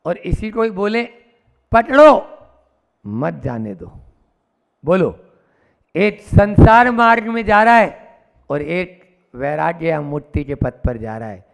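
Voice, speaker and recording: A man's voice: high voice, expressive, a little slow, gravelly. A man giving a sermon, telling stories and acting out their characters, repeating key phrases for emphasis. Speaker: Jain monk preacher. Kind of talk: sermon with storytelling.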